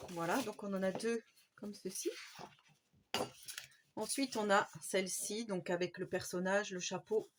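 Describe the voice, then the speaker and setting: A woman's voice: mid-range voice, fairly even intonation, unhurried, pauses often, noisy background. A woman with a French accent hosting a casual craft vlog, chatty and enthusiastic, with many fillers. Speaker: scrapbooking channel host.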